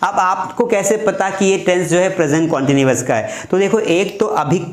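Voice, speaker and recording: Brief: male teacher, voice pitched a little high, patient step-by-step explainer, echoey room. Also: normal speed. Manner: explains step by step, repeats examples. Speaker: English teacher. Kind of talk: classroom grammar lesson.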